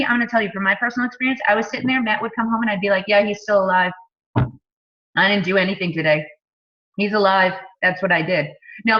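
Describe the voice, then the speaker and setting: A woman's voice: on the high side, a bit bright, muffled recording. A woman in her thirties, a fitness coach, giving a casual sales talk full of "like", "you know" and rhetorical questions. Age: 30s.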